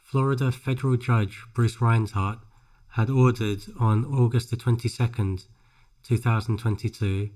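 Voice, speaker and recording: A man reads scripted narration for a pronunciation drill, phrase by phrase, with careful, measured enunciation. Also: medium pitch, fairly even intonation, darkish tone. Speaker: English shadowing practice narrator.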